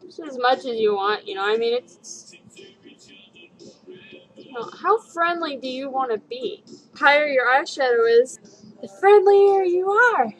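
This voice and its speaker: On a home webcam in her living room, a young woman rambles through a makeup tutorial, giggly and tipsy. Her voice is high and fairly bright, and she speaks at a measured pace with frequent pauses. The audio is poor, with background noise picked up by the webcam.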